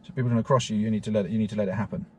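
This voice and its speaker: A man explaining driving technique as an instructor from inside a car, in a steady, repetitive teaching manner with frequent fillers. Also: fairly low pitch, rapid-fire, a little hiss or hum.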